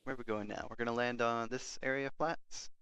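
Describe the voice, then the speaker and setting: A man's voice: mid-range voice, steady tone, fairly quick, fairly bright tone, clear, resonant tone. A man giving casual running commentary on his game, talking to himself and his character. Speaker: gameplay video host.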